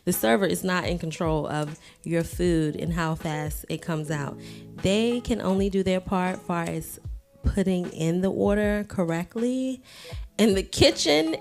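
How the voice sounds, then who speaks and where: A woman's voice: on the low side, a little mellow. A woman from Washington, D.C., co-hosting a casual podcast chat, candid and frank, with some swearing. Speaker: podcast co-host.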